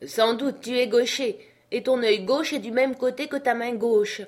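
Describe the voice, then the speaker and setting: Woman doing a bossy feverish gentleman, loud and pushy, storybook voice. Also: on the high side, normal speed, voice pushed up, lightly acted. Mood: commanding. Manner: urgent, commanding. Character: feverish gentleman, commanding and impatient.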